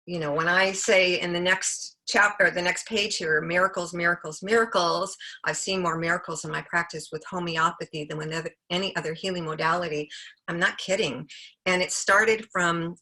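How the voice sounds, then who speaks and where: A woman in her late sixties, a homeopathic practitioner, chatting and telling stories from her practice over a video call, acting out the people she quotes. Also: moderate pace. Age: 60s. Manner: chatty, animated, acts out quotes with raised pitch. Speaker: homeopathic practitioner and book coauthor. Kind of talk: casual storytelling talk.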